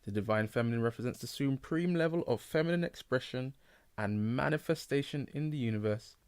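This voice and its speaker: A man's voice: mid-range voice, fairly quick, a little mellow, clean tone, no room sound. A man giving critical commentary on a ministry channel, stern and emphatic.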